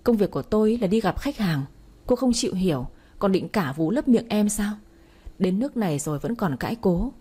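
A woman voicing a scornful, unfaithful young husband who argues loudly and defensively in a storybook reading. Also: medium pitch, animated, a little fast, husky. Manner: loud and defensive.

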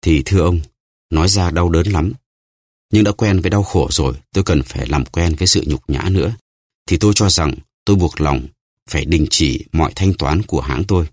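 A man's voice: low-pitched, brisk, darkish tone, slightly rough, dry recording, clean studio sound. A man reading a grief-stricken old merchant. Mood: grieving. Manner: choked, solemn.

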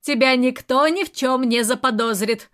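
A sharp-tongued middle-aged aunt, read by a woman in an audiobook, sarcastic and lecturing. The voice sits high. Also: normal speed. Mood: scornful. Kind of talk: audiobook character reading.

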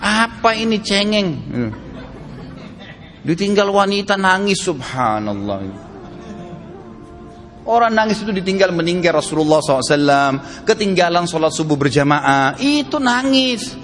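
A man preaching an Islamic sermon, forceful and emphatic, often asking rhetorical questions. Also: sits high, moderate pace, long pauses. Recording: hall reverb with faint music behind.

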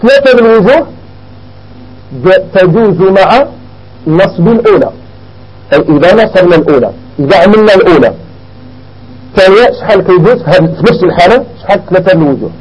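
A man with a Moroccan accent leads a grammar lesson. His voice sits high and a little husky. He explains step by step and keeps asking the class questions before answering them himself. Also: lively intonation, quick pace, long pauses, a little mellow, poor audio. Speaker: teacher.

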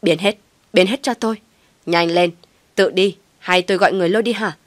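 A woman's voice: on the low side, fast talker, fairly bright tone, no echo, close to an everyday voice. A woman voicing a screaming jealous young wife. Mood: furious. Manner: screaming, cursing. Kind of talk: storybook narration with acted voices.

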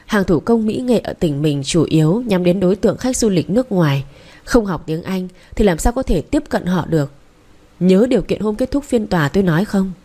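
A woman reading the lines of a calm, patient young man who tutors and explains things step by step, in an audiobook. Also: fairly low pitch, a little fast. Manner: patient, instructive.

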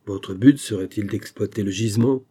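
A man reading an audiobook and voicing a hostile Texan gang leader in a raised, loud, confrontational tone. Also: fairly low pitch, moderate pace, breathy edge. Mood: threatening.

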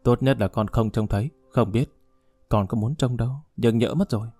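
A man's voice: medium pitch, steady tone, normal speed, mellow, slightly rough, no room sound, faint music behind. A man reading as a spoiled, wheedling daughter. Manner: coaxing and cheeky.

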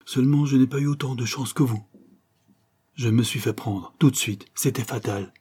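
A man's voice: mid-range voice, moderate pace, dark tone, breathy edge. A man voicing an old, embittered ex-convict vagabond who speaks with bitter, vehement accusation. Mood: bitter accusing.

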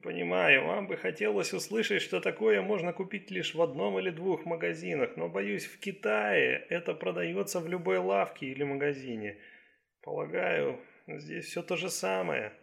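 A man reading the lines of a calm middle-aged male Chinese herbal doctor in an audiobook, in a slow, gentle, measured way. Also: high voice, gravelly, voice pushed up, full character voice.

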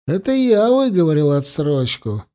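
In this audiobook reading, a man with a fairly high, sing-song voice and a dark tone speaks at a normal pace. He voices a cold, smug middle-aged priest who mocks and talks down to his prisoner with condescension.

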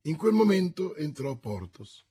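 A man narrating a classic novel in a measured, deliberate audiobook reading. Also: a little high, big pitch swings, warm tone, breathy edge.

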